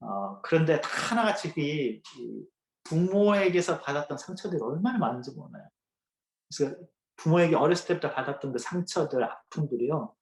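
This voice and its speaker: A man's voice: a little high, lively intonation, moderate pace, vocal fry. Male pastor preaching in an echoey church. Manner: vivid storytelling, swings between loud and hushed. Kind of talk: sermon. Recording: echoey room sound.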